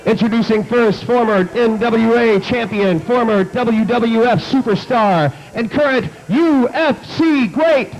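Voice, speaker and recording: A man working as a ring announcer, making grand entrance announcements with booming, drawn-out calls to the crowd. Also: darkish tone, poor audio. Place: wrestling event in a recreation center, over the PA.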